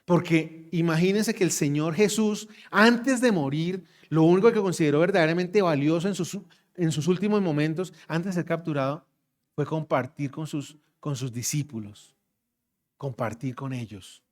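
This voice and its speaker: Man, preacher, sermon, emphatic, repeats phrases, fairly high pitch. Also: moderate pace. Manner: emphatic, repeats phrases, asks the congregation directly.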